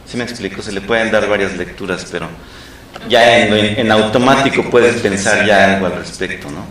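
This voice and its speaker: A man's voice: lowish voice, moderate pace, fairly bright tone, slight background noise. A man with a Mexican accent in the audience, jumping in to explain assertively. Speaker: audience member. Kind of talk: casual discussion. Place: lecture room. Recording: echoey room.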